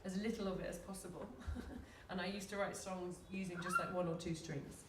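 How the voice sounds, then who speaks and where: A woman from London, a singer-songwriter, chatting to a live audience between songs in a relaxed way, with plenty of ums and likes, while nursing a sore throat. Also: fairly low pitch, fairly quick, very noisy. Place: small live music venue. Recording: roomy live room, voice from a distance, instrument behind.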